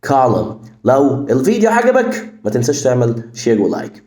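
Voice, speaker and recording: Lively Egyptian man teaching English words. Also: mid-range voice. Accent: Egyptian Arabic. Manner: repeats words slowly and clearly. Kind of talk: English pronunciation lesson. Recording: echoey room.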